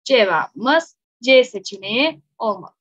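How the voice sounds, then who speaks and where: A woman's voice: fairly high pitch, lively intonation, measured pace, no echo. A woman teacher working through exam questions step by step, often checking with rhetorical questions. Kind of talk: exam question walkthrough lesson. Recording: slightly dull, dry close recording.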